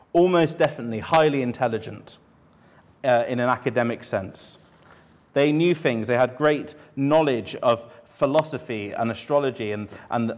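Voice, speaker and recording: A man preaching a sermon in a conversational way, asking the listeners questions and slowing down to stress his points. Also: mid-range voice. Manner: conversational, with rhetorical questions and slowed emphasis.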